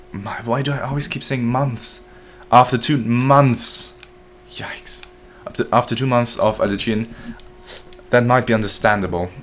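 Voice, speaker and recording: Low-voiced man streaming a game. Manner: joking, chatty, reads chat aloud. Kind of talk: live gameplay commentary.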